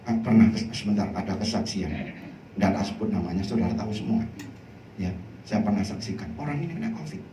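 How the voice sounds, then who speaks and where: A male pastor preaching a lively sermon, his voice leaping high for emphasis. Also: a little fast. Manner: animated preaching, swoops high in pitch, mixes in Javanese phrases. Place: church hall. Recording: echoey church hall, mic at a distance, faint noise.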